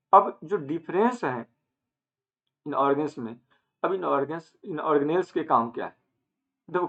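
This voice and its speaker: A man teaching an online lecture, asking questions and answering them himself, with English terms mixed in and some phrases drawn out slowly. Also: fairly high pitch. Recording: phone-like narrow band.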